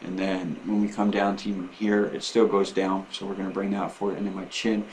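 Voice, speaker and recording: A man talking casually and unscripted to his vlog viewers, in a halting, rambling way with repeated and restarted phrases. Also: deep voice, flat delivery, darkish tone, slight background noise. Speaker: vlogger documenting his own surgery preparation.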